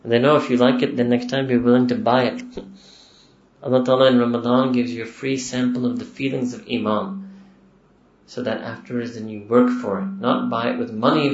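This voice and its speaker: A man's voice: medium pitch, level tone, moderate pace, a little hiss or hum. Man preaching in an echoey room. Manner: conversational, with rhetorical questions and chuckles. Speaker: religious teacher. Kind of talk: lecture-style sermon to young listeners. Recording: roomy, dull lo-fi recording.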